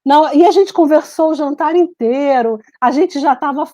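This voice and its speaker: A Brazilian-born woman living in Switzerland telling stories in a lively, animated casual chat, laughing often. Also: sits high, normal speed, no room sound. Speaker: guest, writer and journalist. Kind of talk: casual video-call chat. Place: home in Switzerland.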